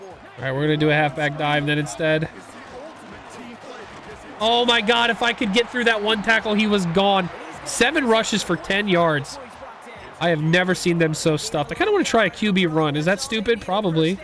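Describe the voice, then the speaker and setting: A young man giving casual, excitable commentary while playing a football video game, rambling and reacting loudly to big plays. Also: high voice, normal speed. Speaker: gaming YouTuber.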